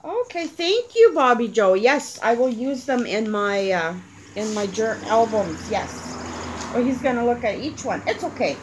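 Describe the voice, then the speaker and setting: A middle-aged woman chatting casually at home as she unboxes crafts with a child, coaxing gently and gushing over every detail. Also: on the high side, expressive, normal speed. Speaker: crafting channel host. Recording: clear background noise.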